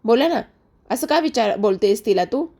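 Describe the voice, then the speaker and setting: A woman's voice: fairly high pitch, expressive, moderate pace, gravelly, dark tone, voice pushed up. A woman voicing a protective young husband who asks earnest, pleading questions. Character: young husband defending his wife, protective.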